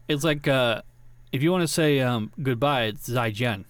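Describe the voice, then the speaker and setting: A man's voice: mid-range voice, normal speed, clear, resonant tone, dry recording. A man chatting casually on a podcast, rambling through stories with frequent restarts and laughter. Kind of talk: casual chat.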